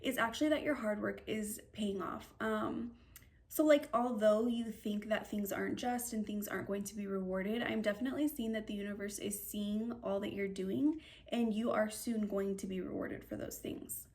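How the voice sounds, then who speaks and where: A woman's voice: medium pitch, fairly even intonation, moderate pace, darkish tone. Young woman doing a tarot reading, super chatty, lots of likes and ums, upbeat. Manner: chatty, filler-heavy, rambling and upbeat. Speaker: tarot reader.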